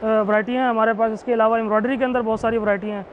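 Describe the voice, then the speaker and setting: A man with a Pakistani accent presenting goods as a shop seller, deferential and quick to agree, with salesman-like emphasis on prices and quality. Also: sits high, level tone, narrow, tinny audio, crowd noise.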